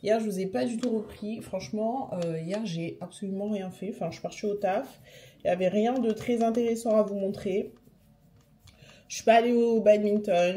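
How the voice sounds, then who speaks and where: A young woman talks straight into a handheld pocket camera at home, in a relaxed vlog chat. She is chatty and animated, with a wry streak when she talks about her tastes. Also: medium pitch, distant mic. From Senegalese background. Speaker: vlogger.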